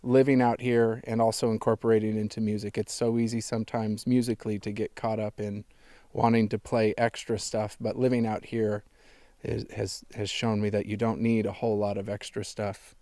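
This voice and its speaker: A man who is a musician, speaking calmly and reflectively. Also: lowish voice, normal speed, no room sound.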